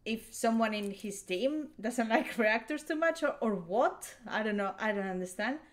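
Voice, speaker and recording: A woman's voice: a little high, expressive, moderate pace. A young woman from Spain with a Spanish accent, chatting casually as a reaction video host and explaining pronunciation with restarts and small laughs. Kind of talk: casual commentary.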